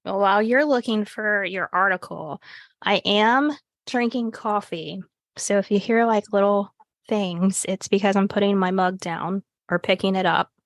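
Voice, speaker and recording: A woman's voice: mid-range voice, fairly even intonation, unhurried, no echo. A woman hosting a podcast, opening the episode with upbeat, chatty plugs and banter. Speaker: podcast host. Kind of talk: casual podcast chat.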